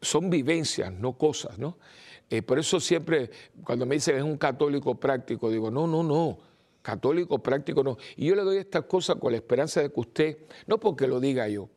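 An older male priest with a mixed Spanish accent, giving a rambling informal homily, repeating words and pausing with fillers. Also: medium pitch, lively intonation, darkish tone.

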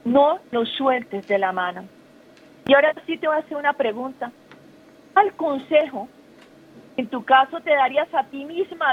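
A woman guest calling in on a tinny phone line, her voice pitched high. She speaks earnestly and puts questions to the audience, with a faint hiss behind her. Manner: earnest, poses questions to listeners.

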